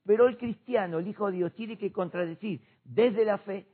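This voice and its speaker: Husky-voiced man preaching with fervor. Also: high-pitched, normal speed. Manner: impassioned preaching, rising to shouts. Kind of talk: church discussion program. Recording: tinny phone-like sound.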